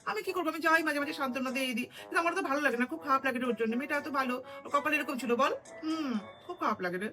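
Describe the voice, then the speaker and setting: A woman's voice: sits high, rapid-fire, sharp tone, faint music behind. A middle-aged woman doing a chatty, gossipy comic monologue as a mother talking to friends on a call, with sudden scolding bursts. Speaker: comedy video creator.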